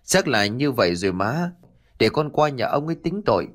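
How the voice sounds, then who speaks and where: A man's voice: sing-song, normal speed, a bit bright. A man voicing a stubborn, grieving young village girl, with a pleading, raised voice. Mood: distraught. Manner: pleading, tearful, raised high voice.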